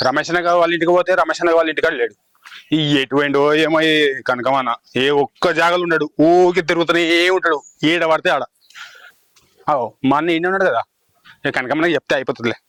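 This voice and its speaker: A man's voice: on the high side, fast talker, fairly bright tone, dry recording, lightly acted. An actor playing a hesitant young man who eloped, pleading for help in a Telangana Telugu accent.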